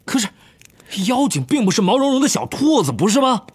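A man voicing a blunt, impulsive teenage wizard who talks eagerly and quickly. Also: extremely high pitch, big pitch swings, slightly rough, no echo, voice pushed up, heavily acted.

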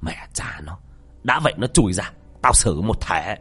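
A man voicing a gruff older village man who barks orders in a panic. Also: on the low side, expressive, unhurried, faint music behind, heavily acted. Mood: grim. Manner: barking orders, shouting.

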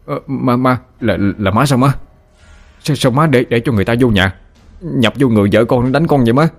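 A man's voice: on the low side, expressive, fairly quick. Storybook bully husband, put on by a male narrator, stammering and raising his voice. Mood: pleading. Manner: stammering, pleading. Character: drunken abusive husband, middle-aged man, stammering coward.

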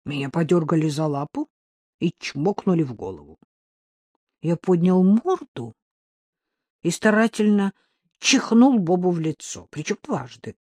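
A woman narrating a storybook in the first person as a playful dog, with an expressive reading. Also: fairly low pitch, a little slow, long pauses, breathy edge, no room sound, clean studio sound. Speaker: audiobook narrator.

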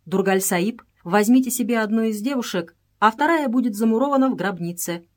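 A woman's voice: on the high side, darkish tone, natural voice. A woman reading an audiobook voices a proud, commanding princess in a raised, solemn tone. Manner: solemn, commanding, slow-paced.

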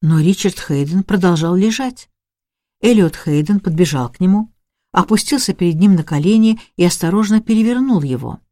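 Brief: woman audiobook narrator, measured, lowish voice, dead dry sound. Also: expressive, dark tone, dry recording. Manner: measured storytelling. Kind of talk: audiobook reading.

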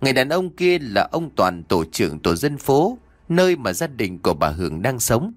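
A man's voice: mid-range voice, normal speed, no room sound. Theatrical male horror storyteller. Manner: expressive, theatrical. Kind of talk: dramatic horror story narration.

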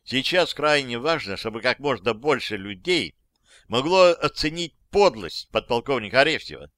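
A man's voice: mid-range voice, very animated, normal speed, fairly bright tone, no echo. A man narrating a first-person audiobook in a wry, dry storytelling manner.

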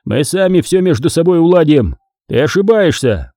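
A man's voice: on the high side, sing-song, moderate pace, warm tone, no room sound, studio quality, pitched above the performer's own voice. A man playing a shaky old mafia boss. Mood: blustering. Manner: shaky, blustering, pleading. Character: frightened aging male mafia boss.

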